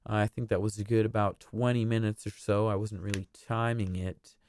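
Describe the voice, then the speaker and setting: A man's voice: fairly low pitch, flat delivery, normal speed, darkish tone, slight background noise. A man hosting a story-reading show, chatting informally and a little hesitantly to his audience. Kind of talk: casual sign-off to viewers.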